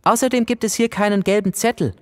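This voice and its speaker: Brief: eager coaxing young girl, male reader, very high pitch, kids' audiobook. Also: fast, close to an everyday voice. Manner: gushing, coaxing. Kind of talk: storybook character voice.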